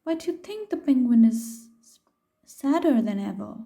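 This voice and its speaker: A woman reads a picture book aloud to children, expressive and unhurried, stopping to ask her young audience questions. Her voice is on the high side and gravelly.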